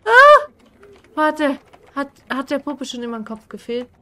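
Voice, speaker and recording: A woman's voice: high voice, normal speed. A young woman giving casual commentary on a horror game she is playing, jumpy and swearing, screaming at the scares. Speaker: gaming streamer.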